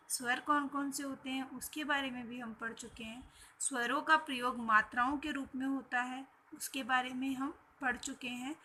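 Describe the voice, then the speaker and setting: A woman teacher giving a classroom lesson, slowly repeating each syllable clearly for young learners. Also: sits high, sharp tone, slight background noise. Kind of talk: classroom lesson on Hindi letters.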